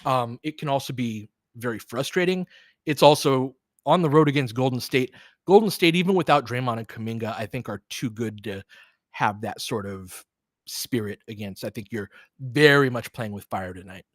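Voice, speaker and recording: The host of a live basketball play-by-play and talk stream speaks at normal speed in an animated, medium-pitched voice, recorded with studio quality and no room sound. He offers casual analysis while replying to chat, thinking aloud, posing rhetorical questions and emphasising points with "right?"-style check-ins.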